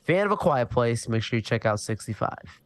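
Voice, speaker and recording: A man co-hosting a podcast, chatting casually about movies in a relaxed, measured way. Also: mid-range voice. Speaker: podcast co-host.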